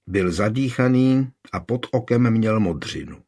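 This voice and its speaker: Male narrator, low voice, calm measured storybook reading. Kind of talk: audiobook narration.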